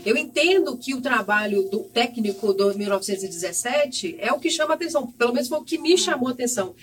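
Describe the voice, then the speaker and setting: A Brazilian woman hosting a film chat, giving measured, reflective opinions. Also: on the high side, expressive. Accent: Brazilian Portuguese. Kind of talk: casual chat. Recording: voice from far off the mic.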